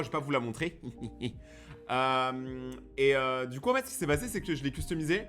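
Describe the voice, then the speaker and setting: A young man streaming from his own studio, talking casually with his chat in a quick, slangy, lively manner. His voice sits a little higher than most men's. He keeps reading viewers' messages aloud and answering them, with soft music playing behind him. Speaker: streamer and YouTuber.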